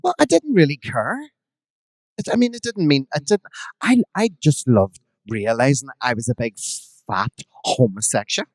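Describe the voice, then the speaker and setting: A man with a Belfast accent tells bawdy drag-scene stories at a live podcast, animated and frank, slipping into quoted voices. His voice sits in a middle register and is recorded dry and close. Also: mid-range voice, normal speed, no room sound. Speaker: drag performer guest. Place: live venue before an audience.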